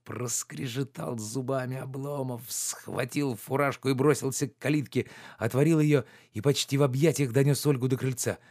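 A man narrating a classic novel in an even, measured reading. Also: mid-range voice. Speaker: audiobook reader.

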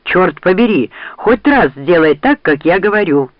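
A man reading a bold young knight who gives orders and mocks his foes. The voice sits fairly high with a dry, close sound. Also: lively intonation, normal speed, no room sound, muffled recording, close to an everyday voice. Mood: commanding. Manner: commanding, mocking.

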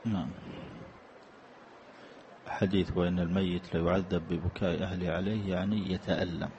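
Man, religious lesson, dark mellow tone, faint ambience behind, reads questions then answers deliberately. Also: low-pitched, little pitch movement, dull audio, a little hiss or hum. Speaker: mosque teacher answering questions. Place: large mosque.

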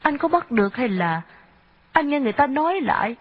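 A woman reading an audiobook, voicing an earnest, worried young woman who asks soft, pleading questions. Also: sits high, very animated, brisk, pitched above the performer's own voice. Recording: dull lo-fi audio.

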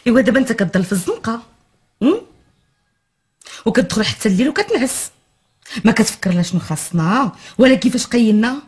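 A woman's voice: on the high side, breathy edge, full character voice. An actress playing a Moroccan wife who nags and complains to her husband in film dialogue. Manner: nagging, complaining. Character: nagging married woman, scolding her husband.

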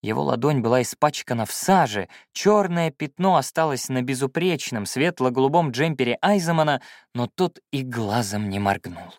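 A male audiobook narrator telling a first-person story with a lively, swooping delivery at a middle pitch. The sound is dry and close, with no room in it. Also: moderate pace, hardly any pauses, no room sound. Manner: expressive, storytelling.

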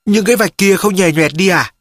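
A shy, humble old baker from a storybook, asking gentle, wondering questions, as the reader plays him. Close, dry audiobook recording. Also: medium pitch, a little fast, no room sound, natural voice. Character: shy, humble older man, a poor baker.

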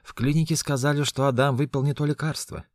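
A man voicing a calm, caring young doctor who speaks soothingly. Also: medium pitch, fast talker, no echo, studio quality, pitched above the performer's own voice, close to an everyday voice.

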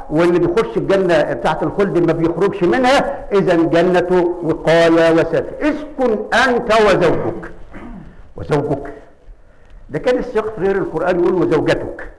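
A man's voice: on the high side, a little mellow, rough recording. A man preaching a mosque sermon in an Egyptian Arabic accent, asking rhetorical questions and answering them himself, building to emphatic peaks.

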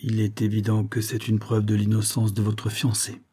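Male reader as a shrewd storybook detective, calm, measured, kindly, dark tone. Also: fairly low pitch, slightly rough.

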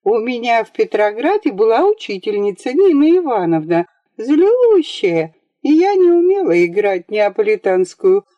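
A pampered little girl , voiced by a woman narrator, squeals and insists in a high, lively voice. The audiobook sound is dull and lo-fi. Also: moderate pace, no echo. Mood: boastful. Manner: shrill, insistent, shouting. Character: spoiled excitable little rich girl.

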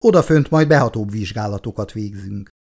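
A man voicing a weak older male leader who speaks quietly and faintly. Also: on the low side, animated, gravelly. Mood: weary.

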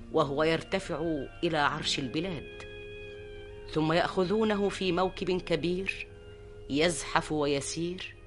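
Higher-pitched male storyteller over music. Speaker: narrator. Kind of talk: theatrical rhymed storytelling in formal classical Arabic.

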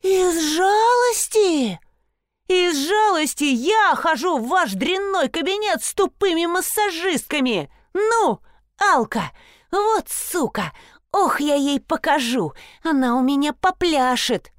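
A woman reading an audiobook, voicing a shrill, rude young blond woman who screeches insults. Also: normal speed, no room sound, studio quality, lightly acted. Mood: furious.

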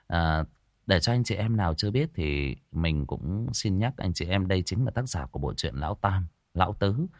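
A man, telling a village tale in a lively, folksy way. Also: low voice, moderate pace, dry recording, studio quality. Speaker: storyteller. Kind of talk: audiobook narration.

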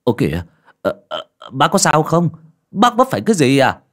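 A man's voice: on the high side, wildly swooping pitch, racing, mellow, pitched above the performer's own voice. A man voicing a trembling old village man who stammers in panic in an audio story. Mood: panicked.

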